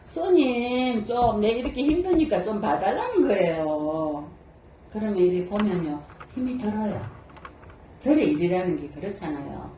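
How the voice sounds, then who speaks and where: Older nun preaching in a roomy hall. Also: female voice, medium pitch, moderate pace, slight background noise. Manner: lively, asks the audience many rhetorical questions. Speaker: Buddhist nun and temple abbot. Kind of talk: dharma talk. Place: temple hall. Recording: roomy echo.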